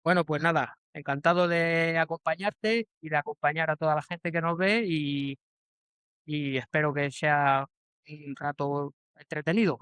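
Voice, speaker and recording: A man's voice: on the high side, fairly even intonation, unhurried, a bit bright, smooth, no room sound. A Spanish man in his forties, a guest in a casual interview, answering in a hesitant way with many restarts and fillers. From Spain. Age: 40s. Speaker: bullfighter guest.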